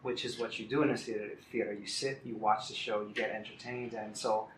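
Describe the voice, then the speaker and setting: A middle-aged Puerto Rican salsa singer, appearing as a guest on an interview show, tells his story in an easy, reflective, casual way outdoors in the city. His voice is fairly low with little pitch movement, a little fast and a bit bright, with a little hiss or hum. The sound is roomy, with faint ambience behind him.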